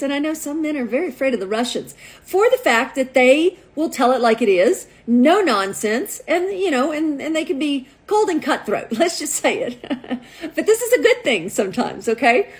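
Chatty, high-voiced woman matchmaker. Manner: chatty, animated, laughs often. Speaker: matchmaker and dating coach. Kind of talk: casual storytelling to camera.

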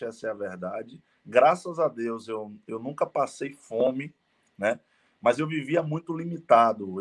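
A man, a guest telling his life story in a casual live interview and earnestly repeating phrases for emphasis. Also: mid-range voice. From Salvador, Bahia, Brazil. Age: 30s. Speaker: guest entrepreneur.

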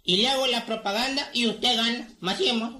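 A man playing a jovial, placating small-town mayor in a comedy sketch, with rustic slang and drawn-out interjections. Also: reverberant, heavily acted. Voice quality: high, bright voice with rustic slang. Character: folksy male village mayor, jovial and placating. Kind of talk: radio comedy sketch acting.

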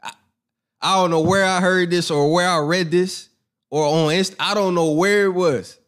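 A man's voice: sits high, steady tone, moderate pace, a bit bright. A brash young man hosting a boxing commentary channel, giving his opinions in a rambling, profane, self-assured way. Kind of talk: casual opinion monologue.

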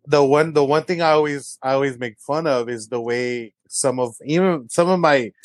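A young man from San Antonio, telling stories in a casual chat, full of fillers and quick voices of people he mimics. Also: dry recording. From San Antonio, Texas. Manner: animated storyteller, many fillers, quick high-pitched mimicry of others. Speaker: guest, comedy creator.

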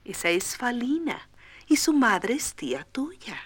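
A woman voicing a gentle, tender mother deer in a storybook record, speaking softly. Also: sits high, sing-song, takes it slowly, dry recording, voice pushed up, exaggerated voice. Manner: soft, hushed and tender.

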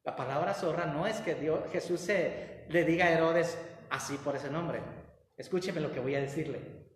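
Pastor, animated sermon delivery, calls for amens, booming church reverb. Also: normal speed. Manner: animated, calls for congregation responses, laughing asides. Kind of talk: Pentecostal-style preaching sermon. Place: church hall. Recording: roomy church hall with long reverb.

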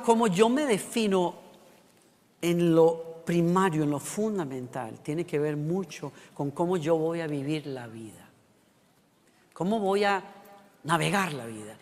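Pastor guy preaching, pretty high voice, funny storyteller, long echo from a big hall. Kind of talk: sermon.

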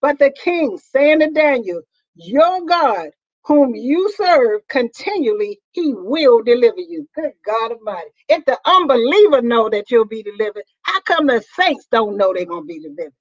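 A woman's voice: on the high side, sing-song, normal speed. Fervent woman preaching, lo-fi. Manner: fervent, repetitive, rhetorical questions to the congregation. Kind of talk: sermon. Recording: dull lo-fi recording.

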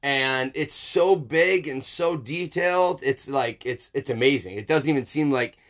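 Guy on a podcast musing out loud, casual, sweary, emphatic, average pitch. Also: a little slow. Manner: informal, sweary, emphatic, often seeking agreement. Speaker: podcast host. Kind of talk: casual philosophical chat.

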